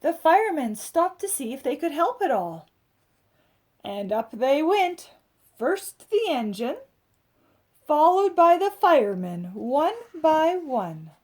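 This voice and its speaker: Her voice is high-pitched and slow as she reads aloud from a picture book for children. She leans into dramatic emphasis and talks directly to her listeners in chatty asides.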